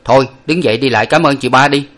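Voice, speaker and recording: A man's voice: mid-range voice, fast, fairly bright tone, pitched above the performer's own voice, lightly acted. A man voicing a stern young male master who scolds his servant. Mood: scolding.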